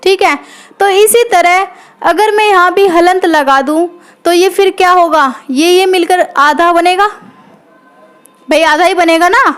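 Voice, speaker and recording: A woman's voice: very high-pitched, fairly even intonation, measured pace, fairly bright tone. A woman teaching grammar in a coaching-class lesson, patient and repetitive, often checking in with her students. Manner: patient, repeats points, checks in with "theek hai". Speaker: Hindi teacher.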